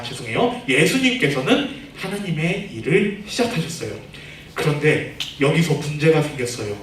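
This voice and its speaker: A man serving as junior pastor gives a children's sermon, asking questions and cueing the group to read aloud. His pitch sits a little high and moves lively. He is heard from away from the microphone in a very echoey church room with faint background noise. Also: distant mic. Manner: animated, asks children questions and leads them in reading.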